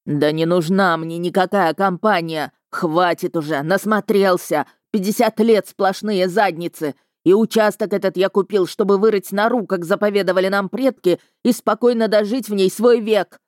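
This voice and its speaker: A woman voicing a weary, misanthropic older male goblin with a grating voice and loud, exasperated delivery. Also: low voice, a little slow, few pauses, no room sound, studio quality.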